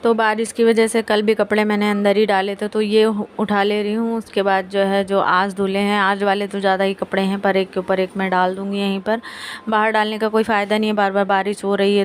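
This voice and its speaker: Soft-spoken woman narrating a home vlog. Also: a little hiss or hum. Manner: soft, lowered voice so as not to wake a sleeping child. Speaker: vlogger. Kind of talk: casual vlog voice-over.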